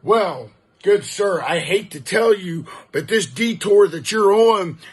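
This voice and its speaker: A man's voice: high voice, slightly rough. A man cutting a cocky, profane wrestling-style promo, boasting and hurling insults at his rival. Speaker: online wrestling promo cutter. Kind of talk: trash-talking wrestling promo.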